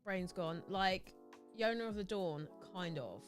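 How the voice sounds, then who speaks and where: A woman's voice: lowish voice, a little slow, faint music behind. Easygoing woman searching for words. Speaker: livestream co-host. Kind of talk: casual chat.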